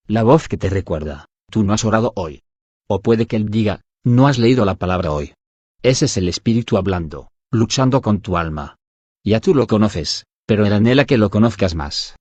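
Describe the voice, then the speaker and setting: A man narrating a devotional audiobook in an even, measured reading style. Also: deep voice, no room sound. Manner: even, measured reading that voices punctuation aloud.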